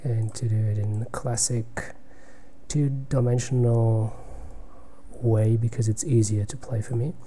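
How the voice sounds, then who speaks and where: A soft-spoken German chess player provides live commentary on his own online blitz game, his medium-pitched voice fairly even in intonation over slight background noise. He muses aloud in a halting way and lowers to almost a whisper as he calculates.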